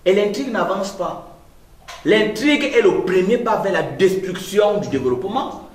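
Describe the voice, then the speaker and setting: Here a company director from Cameroon, in his 30s, speaks at a normal speed with lively intonation during an interview. He comes across as emphatic and rhetorical, with big sweeping pitch changes. It's recorded in an echoey room with a little noise.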